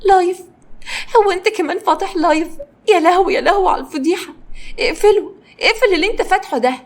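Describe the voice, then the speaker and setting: A woman's voice: very high voice, quick pace, voice pushed up. A woman voicing a panicky young woman who wails frantically, with an Egyptian accent. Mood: panicked shrieking. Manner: wailing, frantic.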